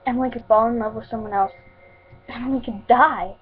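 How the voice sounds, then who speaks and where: A woman's voice: a little high, fairly quick, breathy edge. Woman reading fan fiction, tinny sound. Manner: plain, steady reading with small slips.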